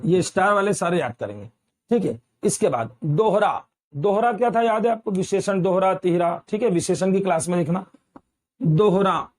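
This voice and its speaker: Man, high-pitched, from Uttar Pradesh, grammar lesson, asks and repeats questions, calls students beta. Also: darkish tone. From Uttar Pradesh, India. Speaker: teacher. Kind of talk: Hindi grammar lecture.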